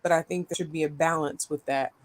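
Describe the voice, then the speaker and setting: A woman's voice: low voice, fairly even intonation, a little fast, poor audio. Frank woman in casual chat. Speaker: podcast panelist.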